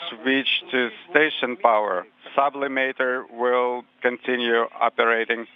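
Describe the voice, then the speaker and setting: A man's voice: medium pitch, little pitch movement, a little slow. Male interpreter relaying calls on a mission radio loop; clipped, matter-of-fact delivery through a tinny, phone-like radio channel. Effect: tinny spacecraft radio loop. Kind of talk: terse radio procedure calls. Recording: phone-like narrow radio band.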